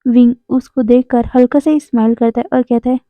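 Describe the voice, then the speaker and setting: A woman's voice: on the high side, steady tone, brisk, dry recording. A woman narrating a fan fiction story, voicing every character's lines in her own voice. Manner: reads all dialogue in her own voice. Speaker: fanfiction narrator. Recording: dry tinny phone-like audio.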